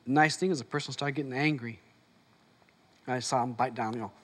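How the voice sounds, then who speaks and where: A man's voice: medium pitch, brisk. A man leading a motivational seminar, telling stories and acting out both sides of the conversations. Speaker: seminar leader. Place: seminar room before an audience.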